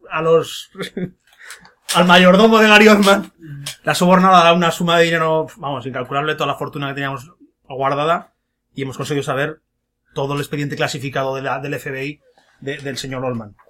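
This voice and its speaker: A man hosts a loose, comedic film podcast. His voice is bright and forward and sits a little high. He tells stories with a jokey edge and slips into silly voices for the quotes. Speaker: podcast host.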